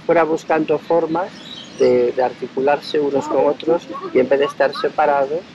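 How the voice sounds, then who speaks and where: A man's voice: fairly high pitch, steady tone, moderate pace. A man from Spain conducting a street interview outdoors, asking leading questions and explaining his points at length. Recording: dull audio with faint street noise.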